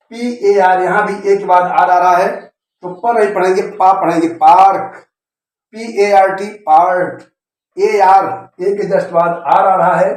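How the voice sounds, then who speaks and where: A man's voice: sits high, a little mellow. A man teaching English pronunciation rules in a video lecture, repeating points and often checking that viewers follow. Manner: repetitive, checks understanding often. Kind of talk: classroom-style video lecture. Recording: very echoey room.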